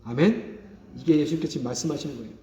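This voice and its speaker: A man's voice: on the high side, rapid-fire, dark tone. A male pastor preaching a sermon, stressing key phrases by saying them twice and calling out hallelujah. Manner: emphatic preaching, repeats key phrases, calls out hallelujah for responses. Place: church sanctuary. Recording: echoey hall, dull lo-fi sound.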